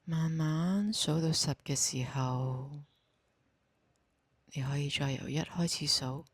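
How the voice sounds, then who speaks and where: A woman speaking Cantonese with a Hong Kong accent, guiding a body scan meditation in a slow, soft, half-whispered voice. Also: low voice, slightly rough, no room sound. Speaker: meditation guide. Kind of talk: guided meditation.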